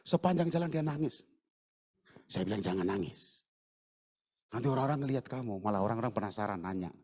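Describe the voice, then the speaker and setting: A middle-aged pastor preaches at a church service, telling a personal story and acting out its dialogue in raised voices as a lively storyteller. His voice is fairly low-pitched, brisk, and slightly rough. It's a sermon built around storytelling.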